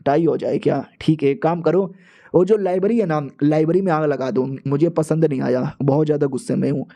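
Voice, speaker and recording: A man voicing a cocky young male swordsman hero, speaking bluntly and offhandedly, a little lower than his narration. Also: a little fast, vocal fry, dark tone. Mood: offhand.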